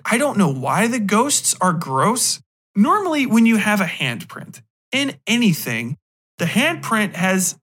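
The podcast host's voice sits high and a bit bright as he delivers an offhand, foul-mouthed rant about a film. His manner is sarcastic, exasperated and emphatic.

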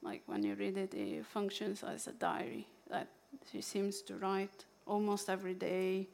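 Slow, halting Italian-accented woman sharing books. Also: medium pitch, sing-song, creaky, darkish tone. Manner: halting, many fillers and restarts. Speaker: book presenter. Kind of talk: casual book sharing with a poetry reading.

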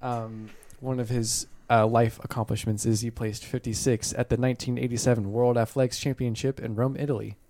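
A man's voice: mid-range voice, level tone, brisk, few pauses, mellow. A man hosting and editing a podcast, chatting casually and jokingly while playing a tabletop game, with lots of filler words. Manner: laid-back, joking, heavy use of "like". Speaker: podcast host and editor.

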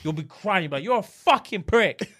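A man's voice: high voice, a little fast. A man with a London roadman accent and street slang, chatting casually and acting out dialogue as he tells stories. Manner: animated storyteller acting out dialogue. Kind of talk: casual chat.

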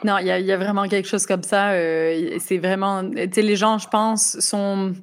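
A woman's voice: mid-range voice, fairly even intonation, moderate pace, smooth. A young French woman with a light Québécois touch in her accent, chatting as an interview guest, hesitant with many fillers and restarts. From France. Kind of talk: casual interview over a live call.

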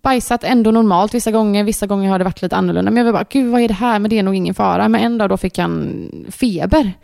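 A woman's voice: medium pitch, creaky, no echo. A Swedish woman in her thirties chatting on a podcast, her voice sitting mid-range. She tells stories with lots of energy and jumps into her own panicked quotes. The sound is close and dry, with no room around it. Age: 30s. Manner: animated storytelling, acting out quoted panic. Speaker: podcast co-host. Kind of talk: casual chat.

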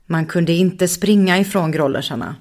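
A woman narrating a children's story in a calm, measured way. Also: fairly low pitch.

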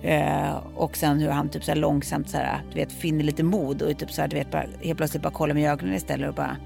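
A woman in casual chat, telling a scary story with lively acted-out voices. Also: deep voice, creaky, music in the background.

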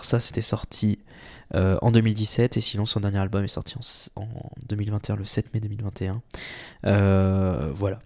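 A man with a fairly low voice presents a music show on air from a radio studio. He speaks into a studio microphone in a loose, casual way. He stumbles often, fills gaps with filler sounds and corrects himself mid-sentence. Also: darkish tone. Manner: hesitant, full of fillers and self-corrections.

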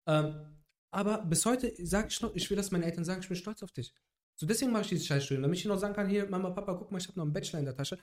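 Young male podcast guest, higher voice, casual slangy storyteller. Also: racing. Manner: rambling, street slang, many restarts.

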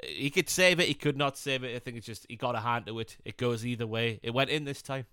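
A man's voice: mid-range voice, quick pace, sharp tone, smooth, dry recording, studio quality. A man co-hosting a casual football podcast, blunt and swearing casually as he talks. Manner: blunt, swears casually, slips into mocking impressions. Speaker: podcast co-host.

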